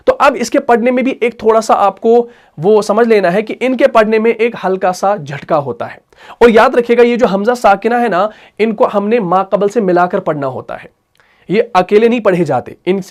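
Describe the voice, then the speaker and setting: High-voiced man teaching Quran recitation. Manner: asks questions and answers them himself; demonstrates sounds and recites verses slowly. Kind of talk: tajweed lesson.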